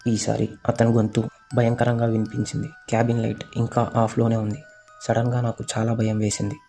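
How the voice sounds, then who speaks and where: A man narrating a first-person horror story in a steady, monotone voice. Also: medium pitch, a little fast, gravelly, soft background music.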